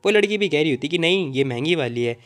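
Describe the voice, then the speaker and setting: A man's voice: fairly high pitch, expressive, fast, fairly bright tone. A man narrating a comic story recap in a casual, chatty way, with jokey asides to the audience.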